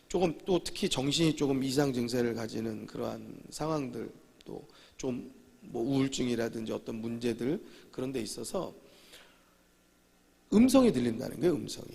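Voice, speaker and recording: A male pastor preaching a sermon in a church, emphatic and repetitive, with sudden loud declarations. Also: medium pitch, creaky, slightly rough. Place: church sanctuary. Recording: long reverb of a church hall.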